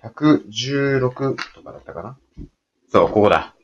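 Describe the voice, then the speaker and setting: A man's voice: medium pitch, expressive, unhurried, highs cut off, slight background noise. A man co-hosting a casual talk podcast, chatty and laughing often, explaining things at length with plenty of fillers. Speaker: podcast co-host. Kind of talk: casual chat. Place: recording room in Tokyo.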